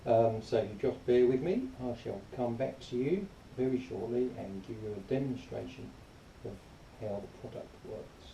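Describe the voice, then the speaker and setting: This man has a creaky, medium-pitched voice and talks at a normal speed with hardly any pauses, giving a plain-spoken, annoyed product review to camera. The lo-fi audio comes from a distant camera mic in a small indoor room, sounding roomy with faint noise.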